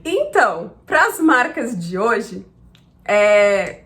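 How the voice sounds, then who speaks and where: A woman's voice: mid-range voice, very animated, drawn-out words, fairly bright tone. A woman from Brazil teaching pronunciation, patiently spelling out sounds one at a time. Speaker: English teacher. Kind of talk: explanatory lesson.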